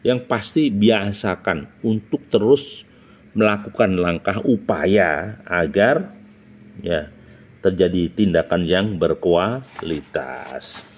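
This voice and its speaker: A man teaching public speaking, stressing each numbered point and asking rhetorical questions. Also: slow. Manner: emphatic, jumps up in pitch to announce each numbered point; rhetorical questions, frequent "nah" and "ya". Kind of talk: instructional talk.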